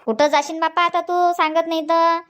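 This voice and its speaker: An actor voicing a squeaky nagging cartoon granny with a Vidarbha accent. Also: level tone, moderate pace, a bit bright. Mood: scolding. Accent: Vidarbha Marathi. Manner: nagging, repeats questions, chiding. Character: fussy nagging village grandmother, scolds and coaxes. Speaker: grandmother. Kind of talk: cartoon comedy voice acting.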